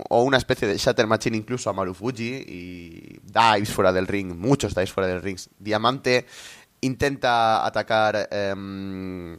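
A man's voice: on the low side, a little slow, fairly bright tone. A man recapping wrestling matches as a commentator, in an informal, conversational way that often gropes for words.

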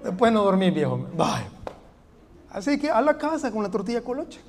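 A man's voice: sits high, very animated, moderate pace, a little hiss or hum. A man in his forties with a Salvadoran accent, preaching a sermon with humor and many rhetorical questions. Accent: Salvadoran Spanish. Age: 40s. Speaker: pastor.

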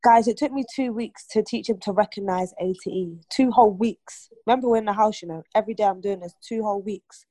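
A young woman talks in a relaxed group discussion, looping through "like" and restarting her sentences. Her voice sits close and dry, with no room around it. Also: mid-range voice, fast talker, hardly any pauses, no echo. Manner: chatty, many fillers and restarts. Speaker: aunt and mother of a toddler.

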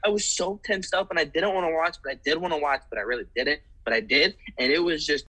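A young-sounding man talks in loose, animated bursts, piling on fillers and squeamish exclamations. His voice is very bright and edgy, with a husky, breathy grain. It feels like relaxed podcast chat. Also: fairly high pitch, fast talker, rough recording. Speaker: podcast guest. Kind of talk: casual chat.

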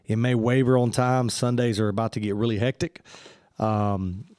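A church podcast host with a fairly low, slightly mellow voice and fairly even intonation, recorded dry. He sounds congested and speaks casually and warmly, stumbling through lots of fillers.

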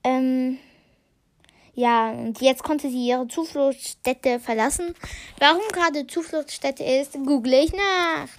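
Woman podcast host, high-pitched and slow, casual book commentary full of fillers. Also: fairly even intonation. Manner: thinking aloud with many fillers and restarts; reads short passages aloud, then comments on them.

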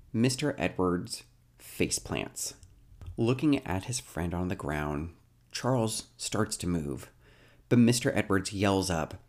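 A man casually recapping a TV episode, dropping wry asides and jokes. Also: low voice.

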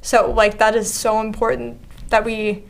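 A young woman shares thoughts in a casual faith discussion. She speaks in a warm, affirming, conversational manner. Her voice sits a bit higher than average. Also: flat delivery, measured pace, gravelly. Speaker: podcast co-host.

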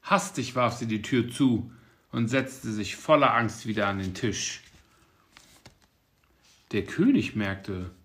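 A man narrating a fairy tale in a lively, expressive way. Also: fairly low pitch, takes it slowly, pauses often.

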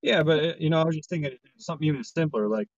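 A man's voice: fairly high pitch, rapid-fire. A man talking casually in a podcast chat, rambling and plain-spoken with casual swearing, over a dull voice call. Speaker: podcast co-host.

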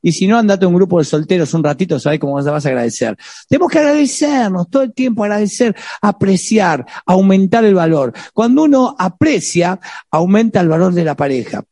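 Animated Argentine preacher, high voice. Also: male voice, a little fast, no echo, studio quality. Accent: Argentine Spanish. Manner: exhorting, peppered with rhetorical "¿eh?"; joking, direct address to the audience. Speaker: preacher on marriage. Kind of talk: sermon.

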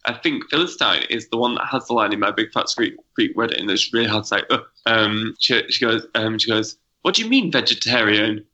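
A man's voice: fairly low pitch, fairly even intonation, a little fast, hardly any pauses, sharp tone, dull audio. A man in his thirties chatting casually on a podcast, rambling and hesitant with lots of fillers. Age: 30s. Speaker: podcast panelist. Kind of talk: casual chat.

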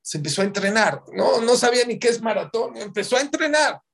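A man giving a sermon in a Mexican Spanish accent, telling stories in a lively way that swings from loud bursts to hushed asides. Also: very high voice, brisk, creaky.

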